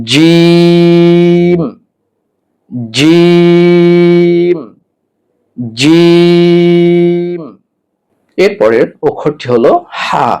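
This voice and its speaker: Slow, patient male Quran teacher. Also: medium pitch, darkish tone. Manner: slow, patient, repeats each sound three times; gives step-by-step mouth instructions. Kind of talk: online lesson on Arabic letter pronunciation.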